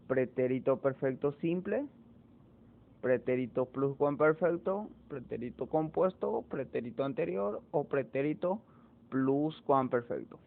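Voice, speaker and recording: A man teacher, walking students through exam answers slowly, repeating key words to drive them home. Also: medium pitch, gravelly. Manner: slow, repetitive explaining, repeats key words. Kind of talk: exam walkthrough lesson. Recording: tinny phone-like audio.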